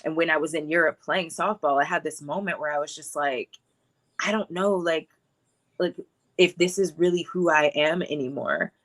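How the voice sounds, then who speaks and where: A woman's voice: low-pitched, moderate pace, a bit bright. A woman in her thirties, a filmmaker guest on a talk show, talking reflectively about her life with frequent fillers and easy laughter. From born in Hawaii, grew up in Texas. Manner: reflective, laughs easily, many filler words. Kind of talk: casual talk show interview.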